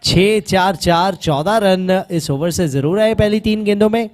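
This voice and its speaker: A high-voiced male cricket commentator delivers excited live play-by-play. His pitch sits well above most men's, and he follows the game ball by ball. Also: unhurried.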